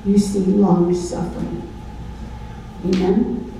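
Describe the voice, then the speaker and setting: Slow, dark-voiced older woman preaching in an echoey hall. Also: medium pitch, flat delivery, vocal fry, a little hiss or hum. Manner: call-and-response questions, emphatic. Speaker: Bible study teacher. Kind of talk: preaching Bible study sermon. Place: large dark stage at a lectern. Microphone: handheld mic. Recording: echoey hall, from far off, faint ambience.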